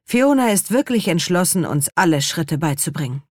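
A woman voicing a cheerful, teasing young man with a lively questioning tone, in an audiobook reading. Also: on the low side, normal speed, dry recording, clean studio sound.

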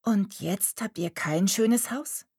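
A woman voicing a shy, curious village girl who asks hesitant, gentle questions in an audiobook. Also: mid-range voice, slow, husky, no room sound, clean studio sound, exaggerated voice. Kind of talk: audiobook character voice.

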